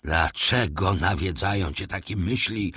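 A man's voice: low-pitched, measured pace, sharp tone, husky, dry recording, clean studio sound, exaggerated voice. A man reading an audiobook and voicing a nervous, greedy middle-aged innkeeper who talks in a jittery, pleading way. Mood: uneasy. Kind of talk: audiobook character voice.

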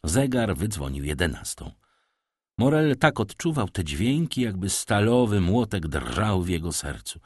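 A man narrating a novel aloud in an expressive, dramatic storytelling manner. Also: lowish voice, unhurried, no room sound, studio quality. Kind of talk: audiobook narration.

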